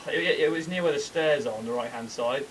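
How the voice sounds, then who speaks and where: A young man chatting casually beside a friend's gameplay, telling stories in a halting way with many restarts. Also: fairly high pitch, far from the mic, a little hiss or hum, rough recording. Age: young adult. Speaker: co-host. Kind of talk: casual chat over gameplay.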